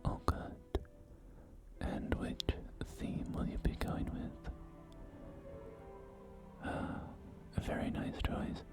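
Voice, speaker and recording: A male performer plays a polite, gently salesy post-apocalyptic real estate agent in an ASMR roleplay, speaking in a slow, creaky, breathy whisper with hesitant pauses. He sounds courteous and pleased. Soft game music and game audio play underneath.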